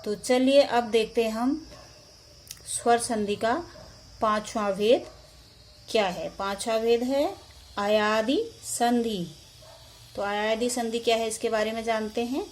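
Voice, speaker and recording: A woman's voice: fairly high pitch, steady tone, a little hiss or hum. A woman teaching a grammar lesson, explaining rules step by step and correcting herself as she goes. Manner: slow, deliberate explanation with self-corrections.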